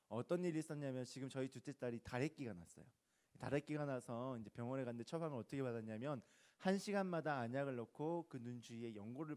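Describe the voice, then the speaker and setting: A man in his thirties giving a conversational youth sermon as pastor, asking the listeners questions and swinging from loud emphasis to soft hushed asides. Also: mid-range voice.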